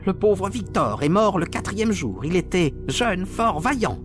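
A man's voice: sits high, sing-song, a little slow, music in the background, voice pushed up. A man voicing a gloating, sneering villain who mocks a dying rival in a radio play. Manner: sneering, mocking, taunting. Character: gloating sinister male poisoner villain.

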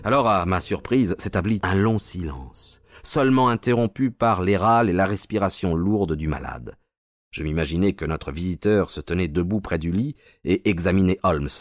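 An actor narrating as a loyal, worried doctor companion, in a grave, measured manner. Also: male voice, deep voice, no room sound, studio quality, close to an everyday voice. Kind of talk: radio drama narration.

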